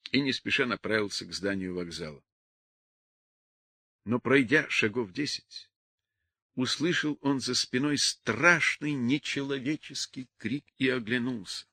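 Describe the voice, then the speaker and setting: A man narrating a novel aloud with lively, expressive storytelling. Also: on the high side, no echo, studio quality. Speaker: audiobook narrator. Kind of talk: scripted narration.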